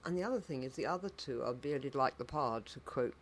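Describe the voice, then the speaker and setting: A man's voice: mid-range voice, lively intonation, fairly quick, slight background noise. A man interviewing someone about the arts in a chatty, discursive way.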